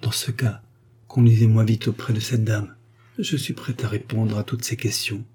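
Guy reading as a sweet grateful young girl, soft and earnest, dark husky tone underneath. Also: lowish voice, little pitch movement, normal speed. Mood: tender.

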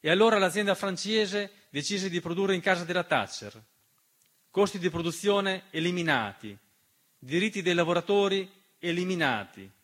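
Over a piano backing, this stage monologist speaks directly to his audience in a dramatic, fervent political monologue full of rhetoric. His high voice is expressive and fairly bright, moving at a moderate pace.

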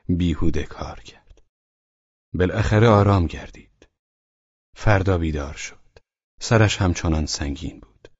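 A man with a husky voice reading a novel aloud in a measured, dramatic way. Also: fairly low pitch, darkish tone, no room sound. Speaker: audiobook narrator. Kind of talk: scripted audiobook narration. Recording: dull dry lo-fi recording.

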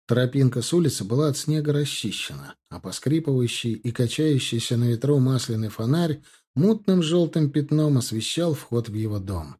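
Guy reading an audiobook, calm steady narration, dark slightly husky voice. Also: medium pitch. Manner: even, measured reading. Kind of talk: scripted narration.

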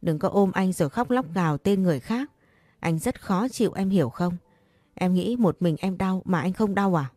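Lady doing a bossy sweet guy comforting a friend, lowish warm voice. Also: moderate pace, no echo, lightly acted. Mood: scolding. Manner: scolding yet tender, coaxing. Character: caring, pushy young man comforting a friend. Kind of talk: audiobook character reading.

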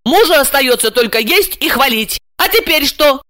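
A woman voicing a hot-tempered, indignant housewife who snaps and shouts. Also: high voice, expressive, normal speed, voice pushed up. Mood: furious. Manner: loud, snapping, exclamatory.

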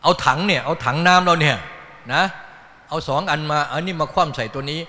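A man gives a Buddhist dharma talk in a folksy, storytelling way. His voice is bright and fairly high, and it rings out in a hall with a long reverb. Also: fairly quick. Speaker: Buddhist teacher.

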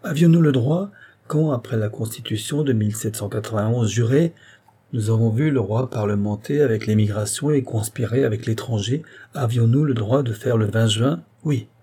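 A man's voice: mid-range voice, moderate pace, mellow, breathy edge. A man voicing a blunt, vehement revolutionary countryman who argues with rising insistence, pressing question after question. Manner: heated, insistent, hammering rhetorical questions.

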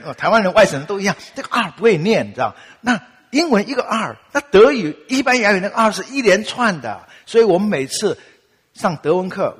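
Lively Taiwanese-accented man preaching. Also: sits high, husky, in a large hall. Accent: Taiwanese Mandarin. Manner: animated, acts out quotes with laughs. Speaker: pastor. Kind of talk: sermon with storytelling.

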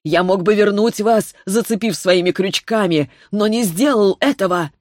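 A woman's voice: mid-range voice, normal speed, dry recording, pitched above the performer's own voice, lightly acted. A woman voicing a grown male mercenary who pleads desperately in a trembling, wheezing voice. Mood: pleading. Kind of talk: audiobook character voice.

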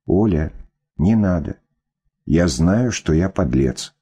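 A man's voice: sits low, lively intonation, takes it slowly, dark tone, husky, exaggerated voice. A man doing a whiny, self-pitying ex-husband. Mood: pleading. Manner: pleading, whining.

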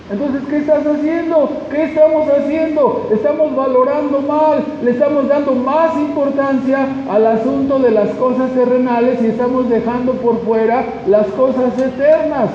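A man preaches a sermon in a very high voice, pressing his listeners with rhetorical questions. His voice rings through a large church hall with a long reverb tail. The recording is muffled and lo-fi. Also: slight background noise. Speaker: pastor. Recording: dull echoey hall recording.

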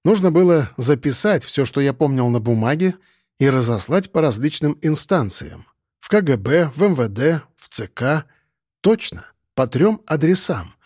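A man's voice: on the high side, big pitch swings, normal speed, darkish tone, dry recording, studio quality. A man reading a first-person audiobook in a musing, conversational way. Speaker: narrator. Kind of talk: audiobook narration.

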